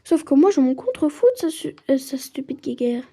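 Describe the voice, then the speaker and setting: In this casual playthrough, a woman reads a story game's narration aloud and tosses in her own chatty asides. Her high-pitched voice is mellow and expressive, and she talks fairly quickly.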